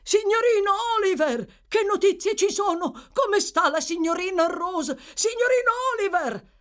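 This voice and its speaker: A woman's voice: fairly high pitch, animated, measured pace, darkish tone, pitched above the performer's own voice. A woman doing a fussy old manservant. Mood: shouting. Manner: fussy, formal, teary. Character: fussy old male servant, emotional, self-important.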